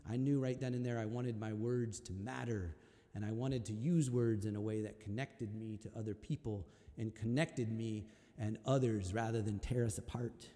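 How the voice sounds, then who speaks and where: Man telling a slow, hushed story. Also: lowish voice, steady tone, big-room sound. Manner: slow, hushed, reflective telling with halting repeats. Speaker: folk singer telling a story between songs. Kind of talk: spoken storytelling at a live-streamed concert.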